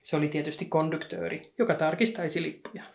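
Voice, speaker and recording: A woman reading a children's story aloud in a calm, unhurried way. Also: low-pitched. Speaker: audiobook reader.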